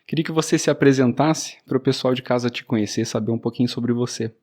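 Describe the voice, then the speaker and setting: A man's voice: mid-range voice, fast, darkish tone. A man hosting a podcast, asking questions in a friendly, chatty way. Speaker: podcast host. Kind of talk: casual podcast interview.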